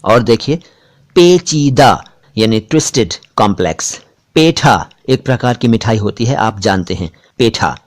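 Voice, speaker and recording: A man teaching pronunciation, talking in a slow, deliberate way and repeating each word to contrast its sound. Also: on the low side, lively intonation. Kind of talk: explanatory pronunciation lesson.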